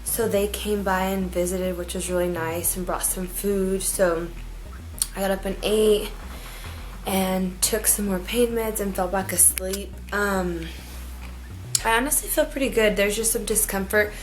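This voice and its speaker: A woman's voice: mid-range voice, flat delivery, measured pace, slight background noise, poor audio. A woman talking casually in a personal vlog, in a rambling, informal, folksy way. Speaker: vlogger.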